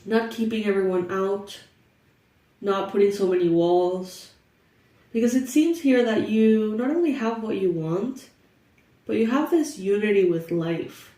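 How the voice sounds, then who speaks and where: A woman's voice: mid-range voice, dark tone, roomy sound, distant mic. A young woman with a stuffy, congested nose, chatting casually through a tarot reading and laughing often. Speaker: tarot reader.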